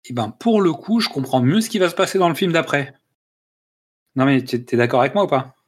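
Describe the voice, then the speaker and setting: A man's voice: a little high, animated, fairly quick, breathy edge. A man hosting a casual film podcast, joking, laughing and reading out summaries. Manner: jokey, laughs often, reads summaries aloud. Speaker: podcast host.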